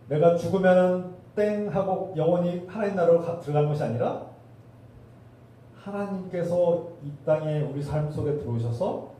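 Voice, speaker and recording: A man preaching a sermon from a church pulpit, his voice mellow and dark, speaking a little high for a man. The sound is heard from a distance in a very roomy hall. A faint hiss sits under his voice. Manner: preaching with rhetorical questions to the congregation. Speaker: pastor. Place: church sanctuary.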